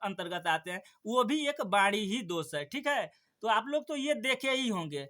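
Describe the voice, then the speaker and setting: A man's voice: sits high, lively intonation, normal speed, bright, forceful tone. A young man teaching an exam-prep lesson, asking the class questions and answering them himself. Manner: repetitive, rhetorical questions then answers.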